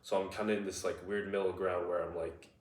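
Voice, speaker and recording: Talking fast in a low-pitched voice, a twenty-something nutrition student from the United States gives casual interview answers full of "like" and "uh" fillers. The microphone sits far away, giving the audio a roomy sound.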